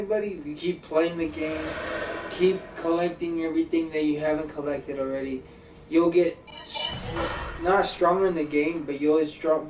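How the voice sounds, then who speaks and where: While streaming a game, a man chats casually like an older mentor, repeating his advice and calling the listener bro and buddy. His voice is a little high and a little mellow, captured from a distance in a reverberant, low-quality recording with slight background noise.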